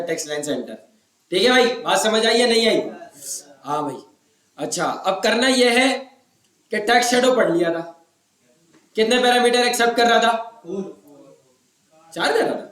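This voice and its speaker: A man's voice: sits high, a bit bright, reverberant, recorded from a distance, low-quality recording. A man from Pakistan with a sore throat, lecturing a class on web design and teasing students to answer whether they follow. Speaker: web development instructor.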